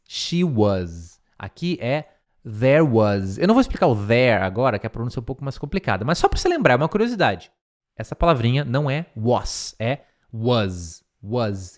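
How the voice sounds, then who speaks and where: A man teaching an English lesson, with a lively, animated delivery that swings up and down in pitch. He works through each phrase slowly, repeating words out loud and drilling the sounds. Now and then he asks a rhetorical question and answers it himself. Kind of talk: recorded online lesson.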